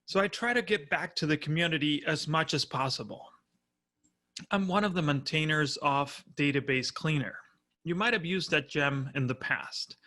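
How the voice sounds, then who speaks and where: In a prerecorded conference talk made at home, an Argentine man in his thirties with an Argentine Spanish accent explains things in a friendly way. His voice is fairly high, bright and forceful, at a moderate pace.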